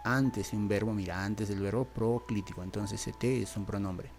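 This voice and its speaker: A man's voice: lowish voice, steady tone, normal speed, a little mellow, faint music behind. A male teacher from Peru with a Peruvian Spanish accent, patiently explaining grammar and repeating each point. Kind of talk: grammar lesson.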